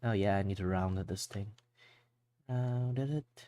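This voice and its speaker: A young Malaysian art streamer chats casually while drawing, rambling with plenty of fillers and restarts and slipping into Malaysian English whenever he likes. His voice is fairly low, slow, and mellow, with no echo.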